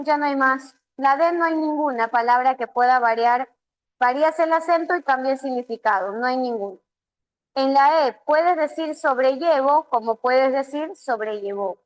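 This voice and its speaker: Peruvian lady teacher going over exam answers, high voice, slow and patient, asks the class questions. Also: low-quality recording. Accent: Peruvian Spanish. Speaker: language teacher.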